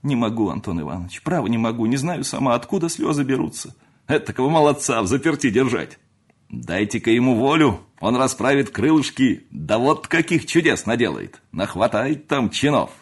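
A man's voice: medium pitch, big pitch swings, moderate pace, slightly rough, voice pushed up. A man voicing an elderly mother, a country landowner, who laments and pleads in a raised voice. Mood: tearful.

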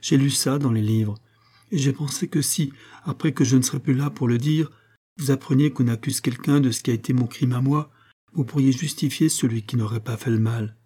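A man's voice: mid-range voice, fairly quick, mellow, breathy edge, lightly acted. A man reading aloud voices a feverish, dying young country woman who speaks earnestly and breathlessly. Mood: pleading.

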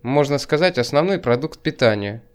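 Бриф: мужчина-чтец, ровное литературное повествование с иронией, голос средней высоты. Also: male voice, medium pitch, animated, moderate pace, clean tone. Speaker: audiobook narrator. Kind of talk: scripted narration.

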